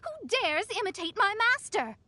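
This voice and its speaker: A brash young sorceress from a video game. Her voice is high and sharp, with a haughty, outspoken delivery. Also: sing-song, moderate pace, dry recording, exaggerated voice. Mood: indignant.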